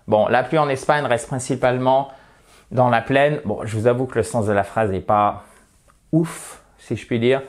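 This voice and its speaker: In an online lesson, a man teaches English pronunciation, chatting easily with viewers and slowly repeating model words for them to practice. His voice sits at a medium pitch.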